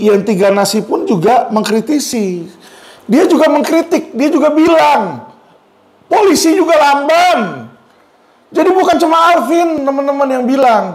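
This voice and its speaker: A man's voice: very high voice, a little mellow. A man gives blunt legal commentary. He talks straight at his viewers in a combative, mocking tone. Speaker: lawyer giving legal commentary.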